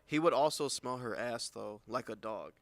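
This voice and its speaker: A man's voice: medium pitch, normal speed, no room sound. Rambling young man with constant fillers. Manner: rambling, many "like" fillers, laughs often. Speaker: podcast co-host. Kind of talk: casual chat.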